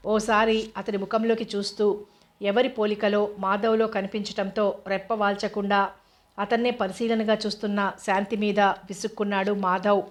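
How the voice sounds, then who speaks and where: A woman narrating a novel in a steady, even reading voice. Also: mid-range voice, normal speed. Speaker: audiobook narrator.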